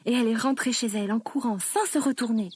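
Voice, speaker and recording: A woman narrating a children's story slowly and expressively. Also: on the high side, a little hiss or hum. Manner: slow, expressive, lively.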